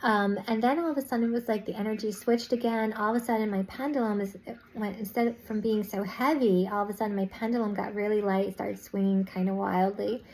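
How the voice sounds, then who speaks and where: A woman's voice: medium pitch, fairly even intonation, a little fast, a little mellow, rough recording. A woman vlogger casually recounting a spiritual experience, rambling with restarts and "I was like" asides.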